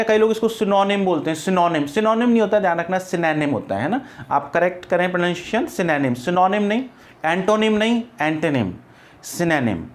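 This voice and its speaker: High-voiced man teaching English grammar. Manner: spells words out letter by letter and drills pronunciation. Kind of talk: exam-prep grammar lesson.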